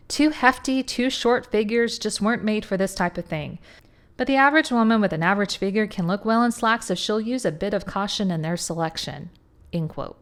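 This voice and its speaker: Sarcastic woman reading vintage articles. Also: medium pitch. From rural upbringing. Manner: sarcastic asides between quotations. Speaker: history channel host. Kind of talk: reading and commenting on old articles.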